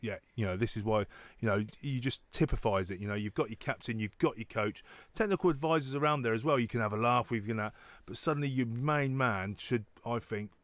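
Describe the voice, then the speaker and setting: A man's voice: mid-range voice, brisk, hardly any pauses, a bit bright, no echo. A man appearing as a guest on a sports radio show, giving blunt, plain-spoken opinions with frequent repeats. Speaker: studio guest, former rugby player.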